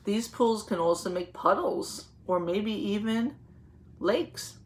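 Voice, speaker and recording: Reading a picture book to young children, a woman teacher in a mid-range voice explains along the way and stops to ask questions and check their answers. A little hiss or hum is audible.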